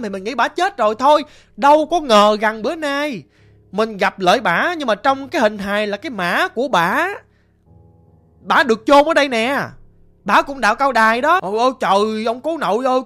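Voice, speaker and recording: A woman's voice: medium pitch, fairly bright tone. A woman with a Southern Vietnamese accent telling a ghost story in a casual, rambling way, often stammering and repeating words.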